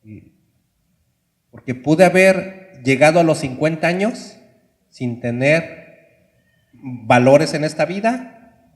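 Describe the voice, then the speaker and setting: A man voicing a dying young man of twenty-four, earnest and given to high, strained cries. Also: long reverb tail.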